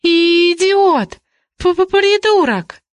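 A woman's voice: on the high side, expressive, a little slow, dry recording. A woman voicing an angry young woman who stutters in her outbursts, in an audiobook reading. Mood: furious.

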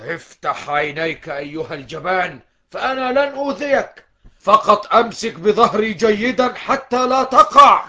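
Talking whale: gruff, kind, commanding; very bright, high tone. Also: male voice, animated, normal speed, lo-fi sound, heavily acted. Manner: commanding, scolding. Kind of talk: children's audio drama.

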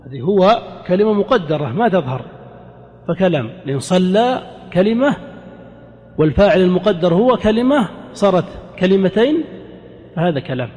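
A male grammar teacher with a high voice runs a classroom lesson. He keeps asking his students questions and then answers them himself, and he slows down to repeat each example. A long reverb from the lecture hall trails after his words. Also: a little mellow. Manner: repeats examples slowly for emphasis.

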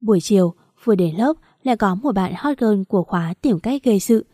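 Người phụ nữ kể chuyện, giọng trầm ấm. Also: female voice, mid-range voice, expressive, fairly quick, warm tone, no room sound, clean studio sound. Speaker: narrator. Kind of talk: first-person storybook narration.

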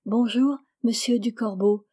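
A woman's voice: fairly high pitch, fairly even intonation, slightly rough. A woman voicing a fragile little girl. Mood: dreamy. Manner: slow, hushed, dreamy.

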